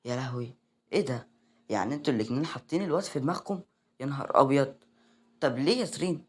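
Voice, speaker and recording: A woman's voice: a bass voice, rapid-fire, a little mellow, breathy edge. A woman voicing a young female best friend who scolds in exasperation, with an Egyptian Arabic accent. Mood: exasperated.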